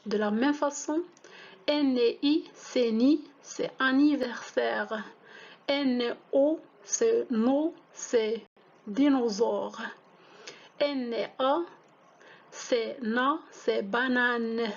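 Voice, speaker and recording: A woman whose first language is Moroccan Arabic, teaching French reading, spelling out letters and syllables slowly and deliberately. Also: on the high side, muffled recording. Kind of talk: slow classroom-style reading lesson.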